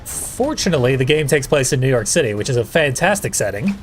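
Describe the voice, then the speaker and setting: A man's voice: mid-range voice, big pitch swings, fast talker, faint music behind. A man giving casual, dryly sarcastic commentary as the host of a video game playthrough. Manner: dry, sarcastic wisecracking. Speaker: let's play host.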